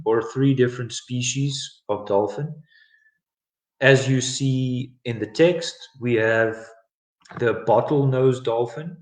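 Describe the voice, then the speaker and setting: Slow-talking South African man teaching. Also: mid-range voice, roomy sound, rough recording. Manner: relaxed, with many ums and uhs. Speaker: English teacher. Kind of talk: live online lesson.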